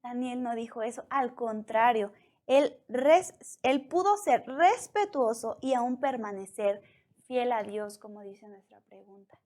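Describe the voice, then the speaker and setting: Animated Mexican woman telling a Bible story. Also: on the high side, unhurried. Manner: animated, asks the listener questions. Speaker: children's devotional teacher.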